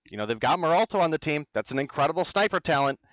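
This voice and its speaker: A man casting an online esports tournament from home, with an energetic, blunt and opinionated way of talking. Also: on the high side, quick pace, dry recording. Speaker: esports caster. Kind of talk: play-by-play commentary. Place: at home, remote over the internet.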